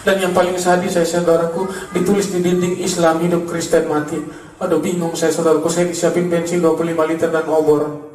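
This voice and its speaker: High-voiced guy from makassar preaching his testimony, fervent, roomy echo, a bit far off the mic. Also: flat delivery, a little fast, a little mellow. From Makassar, Indonesia. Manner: fervent, addresses listeners as "saudaraku" over and over. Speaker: former gangster giving a testimony.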